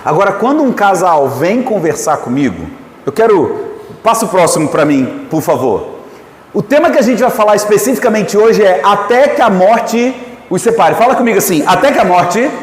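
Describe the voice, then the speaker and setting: A Brazilian pastor preaches to married couples in a lively storytelling sermon, his fairly high voice swinging widely in pitch. He keeps putting questions to his listeners. His voice rings out in an echoey church hall. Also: normal speed. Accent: Brazilian Portuguese.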